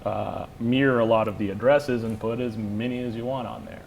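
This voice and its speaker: A man explaining a lighting fixture in a casual demo chat, relaxed and rambling, with lots of "you know". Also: mid-range voice, a little fast, vocal fry, a little hiss or hum. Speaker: lighting product expert.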